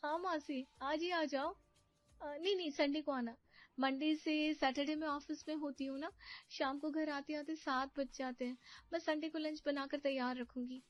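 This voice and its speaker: A woman voicing a sweet, polite newlywed niece in a cartoon story, soft and cheerful. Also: sits high, steady tone, normal speed, dull audio, faint music behind, pitched above the performer's own voice, natural voice.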